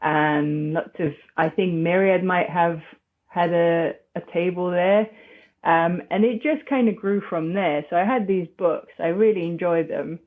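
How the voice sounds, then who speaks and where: A woman's voice: fairly low pitch, a little slow. Hesitant woman on a tinny line. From Hungary. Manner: hesitant, many restarts and fillers, thoughtful. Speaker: podcast guest. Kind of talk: conversational interview. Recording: tinny phone-like remote line.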